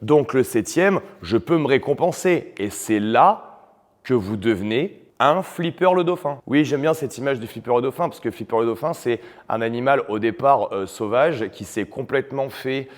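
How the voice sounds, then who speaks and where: A man's voice: mid-range voice, normal speed. Guy coaching on nutrition, blunt and fired up, lots of euhs, long reverb on the voice. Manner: blunt and combative, with frequent "euh" fillers. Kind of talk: opinionated video monologue.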